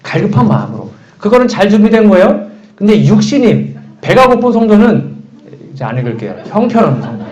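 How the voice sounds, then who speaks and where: A man's voice: high voice, big pitch swings, brisk, darkish tone. A man preaching a sermon as pastor, talking animatedly and asking the congregation questions. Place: church sanctuary. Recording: echoey church room, dull lo-fi sound.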